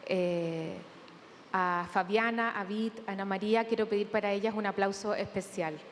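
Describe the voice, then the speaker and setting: Chilean woman giving a talk in a big hall, calm and measured, pauses to think, reverby sound. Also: medium pitch. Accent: Chilean Spanish. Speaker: conference speaker. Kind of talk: academic conference talk. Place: large conference hall. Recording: long hall reverb, faint room noise.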